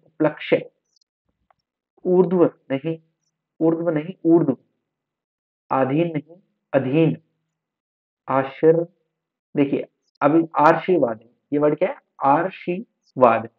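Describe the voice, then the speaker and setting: Man drilling exam words over a tinny line. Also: a little high. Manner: drills each word by repeating it. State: slightly unwell, coughing. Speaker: exam coaching teacher. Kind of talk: online exam-prep lesson. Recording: tinny phone-like sound.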